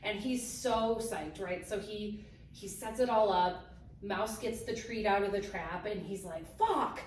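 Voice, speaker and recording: A woman co-hosting a casual podcast, telling an animated story, acting out quotes and laughing often. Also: mid-range voice, unhurried. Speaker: podcast co-host. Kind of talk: casual chat. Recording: roomy, distant mic, faint hiss.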